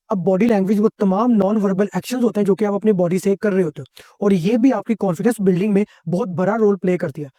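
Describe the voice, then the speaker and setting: A man's voice: high-pitched, mellow, no room sound, clean studio sound. A man gives a motivational self-help talk as a content creator, explaining step by step and mixing in English phrases. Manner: instructive, mixes English phrases into Urdu.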